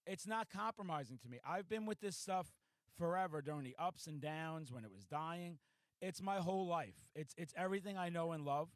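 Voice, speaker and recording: A man in his forties hosting a podcast in a hyper, loud, profanity-laced ranting manner. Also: fairly high pitch, brisk, no room sound. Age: 40s. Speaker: podcast host. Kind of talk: casual podcast chat.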